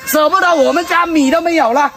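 A woman's voice: very high voice, a little fast, recorded from a distance, noisy background. A woman playing a harsh rural husband who abandons his daughters, speaking in a scolding, impatient way. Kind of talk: rural skit acting.

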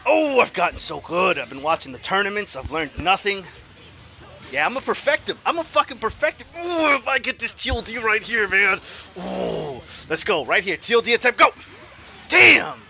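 High-voiced gamer dude hyping his own match, cussing a lot, swings up and down. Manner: excitable trash talk with swearing and shouts. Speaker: gaming streamer. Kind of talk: live gameplay commentary.

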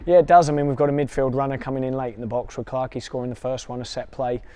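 Fast-talking football coach, dark flat voice. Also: male voice, mid-range voice, clean tone. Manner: measured, talks in quick runs with restarts. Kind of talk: post-match interview. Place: outdoors beside a football pitch.

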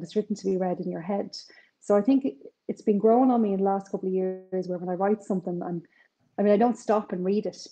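A crime author in her forties with a North Side Dublin accent chats on a video call from her home kitchen, which has shelves. She's animated and chatty, tossing in quick asides, in a mid-range voice over a rough recording.

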